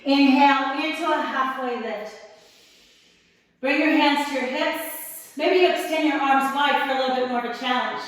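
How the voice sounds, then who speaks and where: A woman teaching a yoga class, giving calm, encouraging cues with slightly strained breath as she holds the poses herself. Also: high voice, normal speed, heavy reverb, in a large hall, distant mic, poor audio. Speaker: yoga instructor. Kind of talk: guided yoga class instruction.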